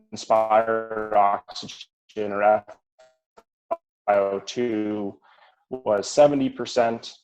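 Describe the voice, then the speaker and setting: A man presenting medical case data over a video call, talking in a measured way with many fillers, while his audio cuts out and its volume rises and falls unevenly. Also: lowish voice, a little mellow, low-quality recording. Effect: audio cutting out, uneven volume.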